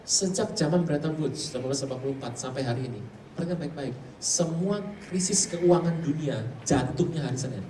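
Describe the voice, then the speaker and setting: A man's voice: fairly high pitch, fast. A man preaching a sermon as pastor, telling stories and acting out the voices of the people he quotes. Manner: animated storyteller who acts out quoted voices. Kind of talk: sermon with storytelling. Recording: echoey hall, mic far off, faint noise.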